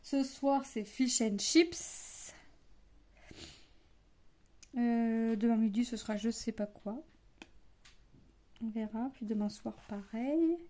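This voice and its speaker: A woman talks in a relaxed, rambling way as she stitches, her voice a little high but warm and mellow. She drifts from one thought to the next, full of fillers and restarts. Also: slow, long pauses. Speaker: cross-stitch vlogger, mother. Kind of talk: casual chat while stitching.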